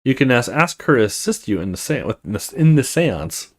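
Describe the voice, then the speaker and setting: This let's play features a man narrating a horror story game with lots of pitch movement. Between scripted passages he drops in casual comments, and his delivery is sing-song and slightly fast.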